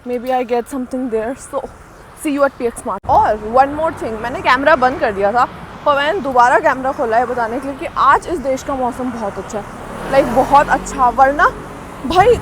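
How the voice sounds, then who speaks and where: A woman's voice: high-pitched, rough recording. A young woman from India chatting and joking as she vlogs her day out on city streets, filming on a handheld phone. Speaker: vlogger. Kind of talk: casual vlog chat. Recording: faint street noise outdoors.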